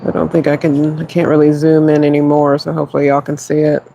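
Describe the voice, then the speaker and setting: A man murmurs in a hushed, halting way into a phone mic while streaming live outdoors in his backyard. His slightly high voice has a gravelly edge and stays flat in pitch, and the sound is close and dry. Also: dull audio, slight background noise. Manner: quiet, halting, talking softly on purpose. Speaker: livestream host.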